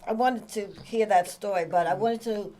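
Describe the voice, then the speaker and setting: A woman co-hosting a talk show, with a mellow, warm-toned voice at an everyday pitch. She asks plain questions and backs up her guest with short, supportive replies. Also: moderate pace. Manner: supportive, affirming interjections. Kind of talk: casual interview.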